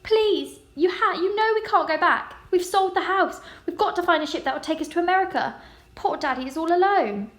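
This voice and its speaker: A woman's voice: high voice, fast talker, reverberant, close to an everyday voice. A woman voicing a mischievous, adventurous young girl who talks eagerly and dramatically. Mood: pleading.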